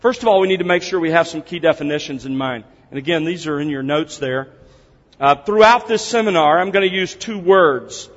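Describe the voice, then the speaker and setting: Speaking fairly quickly in a slightly high voice, an American man leads a seminar for his congregation that opens in prayer. His explanations unfold step by step, earnest yet conversational, and the hall's sound is dull and reverberant.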